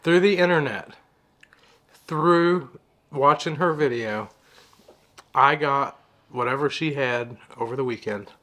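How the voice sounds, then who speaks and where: A man's voice: medium pitch, slow pace, long pauses, sharp tone. A man with a mid-range voice chats at home about what he ate. He rambles a bit, jokes, and laughs easily. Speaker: keto vlog co-host. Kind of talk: casual chat.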